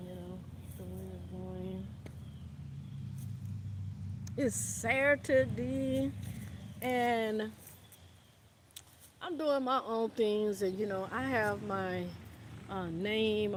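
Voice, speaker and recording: With light wind in the background, a woman livestreams outdoors, her medium-pitched voice slow and fairly even in intonation. She talks casually and meanderingly, repeating "you know what I'm saying" and addressing listeners as "baby."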